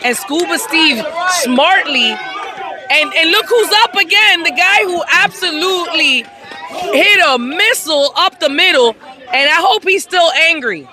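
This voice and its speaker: A woman calling a softball game play by play from outdoors at the field, excitable and hyping each play with shouts. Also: very high voice, measured pace, a crowd in the background. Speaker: play-by-play commentator. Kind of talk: amateur sports commentary.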